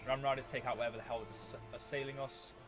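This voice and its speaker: A man's voice: mid-range voice, little pitch movement, fast, music in the background. A man giving strategy game commentary as a video host, playfully theatrical, talking to his units and making mock threats.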